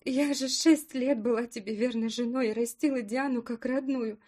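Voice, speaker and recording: A woman's voice: high voice, fairly even intonation, moderate pace, dark tone, voice pushed up. A woman narrator voices a heartbroken young wife pleading in a raised voice. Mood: desperate. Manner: pleading, rising to desperate cries.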